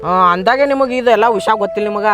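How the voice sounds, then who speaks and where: A man's voice: high voice, fast talker, noisy background. A man with a North Karnataka Kannada accent in a comic sketch, earnestly warning another villager. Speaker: sketch actor.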